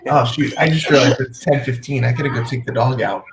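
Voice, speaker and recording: A man's voice: medium pitch, steady tone, fairly quick. A man talking casually over a laptop microphone, his voice muffled and hollow as if inside a fishbowl, with easygoing, dry comebacks. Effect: muffled hollow sound, as if inside a fishbowl. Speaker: live stream chat participant. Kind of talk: casual chat. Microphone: laptop built-in microphone. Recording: noisy muffled laptop mic.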